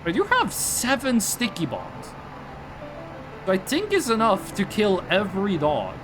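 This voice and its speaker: A streamer chatting through a live game session, joking with the chat and swearing freely. The voice moves around a lot in pitch. Game music runs in the background. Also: wildly swooping pitch, unhurried. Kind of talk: casual live gaming commentary.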